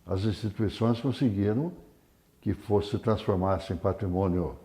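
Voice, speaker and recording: A man's voice: fairly low pitch, a little slow, warm tone. A man São chatting casually as an interview guest, in short phrases. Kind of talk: casual conversation.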